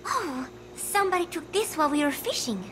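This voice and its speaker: A woman voicing a frail, gentle teenage girl who sounds tired and wistful in a video game cutscene. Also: high-pitched, animated, fairly quick, background noise. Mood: fond. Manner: soft, wistful, drifting.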